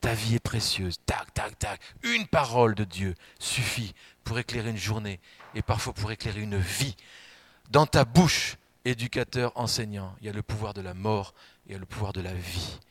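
A man preaching a sermon, swinging between loud emphatic outbursts and quiet asides and putting questions straight to the congregation. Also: on the low side, brisk, breathy edge, dry recording. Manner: addresses the congregation directly with questions.

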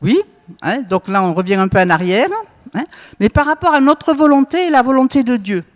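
A woman's voice: on the high side, lively intonation, a little fast. A woman leading a group Bible study, quizzing listeners and tagging her points with little questions. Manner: asks the group questions, frequent tag "hein?" and "hmm?". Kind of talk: interactive Bible teaching. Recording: long reverb in a hall.

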